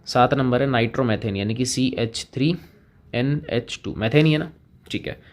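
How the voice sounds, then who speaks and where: A man's voice: mid-range voice, normal speed. A man teaching chemistry in a casual lecture, chatting with students and playing both sides of the conversation.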